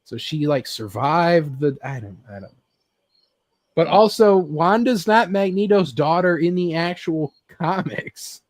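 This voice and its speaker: A man hosts a casual, sweary group chat about games, films and geek culture, rambling and acting out little imagined scenes with sound effects. His voice is fairly high, animated and a little slow, with no room sound.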